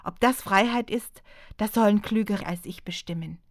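A woman's voice: mid-range voice, normal speed, dry recording, studio quality, close to an everyday voice. A woman voicing an embittered young mother in a storybook reading, speaking bitterly and sharply.

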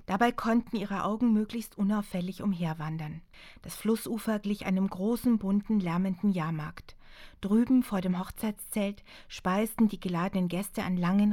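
A woman, the author, reading her historical novel aloud in a calm, measured way. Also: mid-range voice, no echo, clean studio sound. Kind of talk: audiobook narration.

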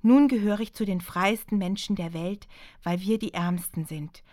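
A woman lending her voice to a penitent young monk from an audiobook, fervent and pleading, set down dry and close. He presses his devotion with earnest insistence, in a middle-pitched voice. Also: moderate pace, a little mellow, dry recording, natural voice.

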